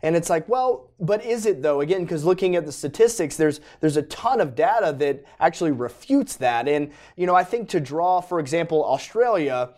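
A man hosting a live-streamed panel discussion, talking in an animated, conversational way with many fillers. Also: on the high side, normal speed, hardly any pauses. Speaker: host.

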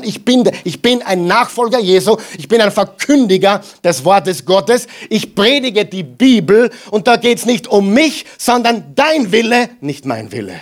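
A man preaching a sermon with emphatic repetitions and mocking asides, swinging between loud and quiet. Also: sits high. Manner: emphatic, repeats lines for the crowd to echo.

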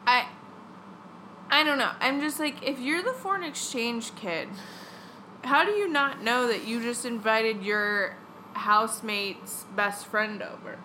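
A woman's voice: a little high, unhurried, bright, forceful tone, a little hiss or hum, rough recording. A woman chatting casually while watching a movie, laughing often and trailing off with "I don't know.". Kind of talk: casual chat.

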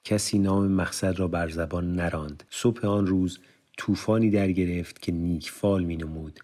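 Deep low-voiced guy narrating an audiobook, measured and formal. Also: steady tone, warm tone. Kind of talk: scripted literary narration.

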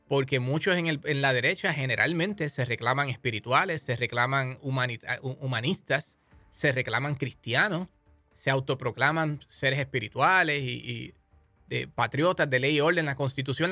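A man's voice: medium pitch, bright, forceful tone, dry recording. A man with a Puerto Rican accent hosting a podcast, delivering an impassioned, scolding political monologue. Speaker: podcast host.

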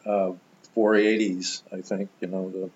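An older man, a guest in an interview, telling stories in an animated, enthusiastic way. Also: low-pitched, measured pace, lo-fi sound, a little hiss or hum. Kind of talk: conversational storytelling.

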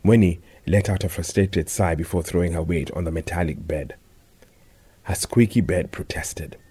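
A man reading a story aloud in a measured, scripted narration. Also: sits low, warm tone, slightly rough.

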